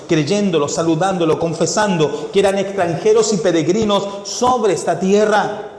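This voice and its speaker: A high-pitched pastor with a mixed Ecuadorian, Chilean and Mexican Spanish accent preaches a sermon, posing rhetorical questions and rising to fervent shouts. He's in a church hall with long reverb, and there's a little hiss or hum.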